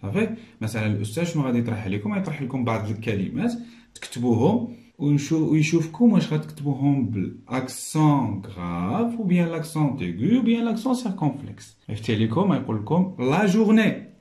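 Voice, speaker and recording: A man with a Moroccan accent teaching a recorded lesson, explaining step by step and slowly repeating each French word. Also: fairly high pitch, sing-song, warm tone, roomy sound.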